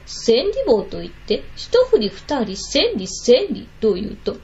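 Friendly explainer in a storybook, lively delivery, played by a woman; lo-fi. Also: on the high side.

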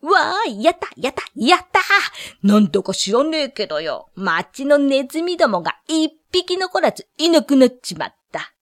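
A woman voicing an overjoyed townsman who cheers and talks in a rough, casual way. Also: sits high, sing-song, normal speed, hardly any pauses, pitched above the performer's own voice.

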